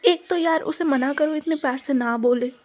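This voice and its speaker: A woman's voice: high voice, normal speed, a little mellow, lightly acted. A woman voicing a lovestruck, dramatic teenage schoolgirl in a Hindi audio story, gushing and slangy.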